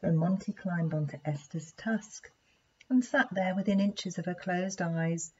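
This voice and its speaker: A play therapist reads a children's story aloud, her delivery expressive and deliberate. She has a lowish voice with a distinctly husky edge, and the recording sounds dull and lo-fi.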